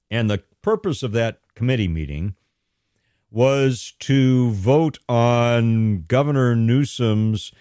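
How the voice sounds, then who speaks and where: A man hosting talk radio, delivering a monologue in halting, deliberate phrases with frequent pauses. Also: fairly low pitch, a little mellow, no echo, clean studio sound.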